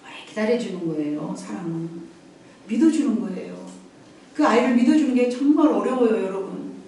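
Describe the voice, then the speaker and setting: A woman's voice: mid-range voice, lively intonation, moderate pace, dark tone, slight background noise. A woman preaching a sermon in a conversational way, acting out family voices and laughing often. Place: church sanctuary. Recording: echoey church hall from far off.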